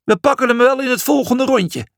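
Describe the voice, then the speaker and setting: A man's voice: very high voice, a little fast, vocal fry, a bit bright, no room sound, clean studio sound, voice pushed up, exaggerated voice. A man voicing an anxious, cautious male zebra who pleads with his brother. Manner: worried and pleading.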